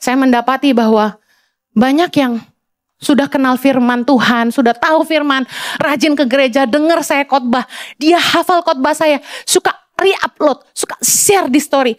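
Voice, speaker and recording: A woman's voice: sits high, normal speed, dry recording, clean studio sound. A middle-aged Indonesian woman pastor preaching bluntly, with scolding asides and a conversational tone. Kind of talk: sermon.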